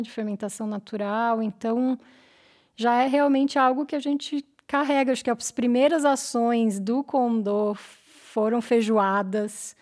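Woman guest, slightly high voice, easygoing and chatty, studio interview. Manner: relaxed, rambling with fillers like "né" and "então". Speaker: interview guest, cultural center member. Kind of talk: podcast interview. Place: radio studio.

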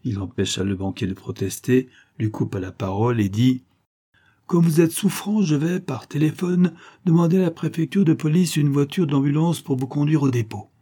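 A man voicing a calm, stern detective who speaks in a measured, firm way. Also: a little high, husky.

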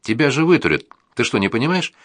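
A man's voice: medium pitch, big pitch swings, fast, pitched above the performer's own voice. A man voicing an agitated young student friend. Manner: angry, scolding.

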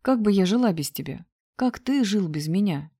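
A woman's voice: medium pitch, lively intonation, moderate pace, mellow, no room sound, clean studio sound. A woman reading as an affectionate young woman. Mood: tearful.

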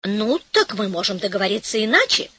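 A woman reading an audiobook, voicing a tiny, squeaky male envoy from a dream kingdom who bargains in a quick, placating way. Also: very animated, pushed and bright, husky, exaggerated voice.

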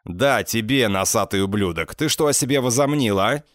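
A man voicing a big, hot-tempered male thug who shouts and curses in an audiobook. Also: lowish voice, lively intonation, normal speed, dry recording, studio quality, pitched above the performer's own voice. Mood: menacing. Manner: shouting, cursing.

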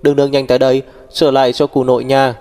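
A doting old great-grandfather, voiced by a male audiobook reader, in a mellow, darker voice. He fusses over the little ones with cheerful exclamations. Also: medium pitch, level tone, fast, close to an everyday voice. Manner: warm, fussing and cheerful.

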